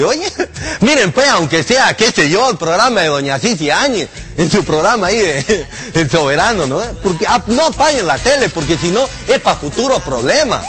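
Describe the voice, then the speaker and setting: Male comedian as an old delivery-room hand, high and animated, crude and rambling, faint music under. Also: moderate pace. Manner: rambling, swears often, laughs at his own jokes. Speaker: comedian doing a character monologue. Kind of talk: comic character monologue to camera.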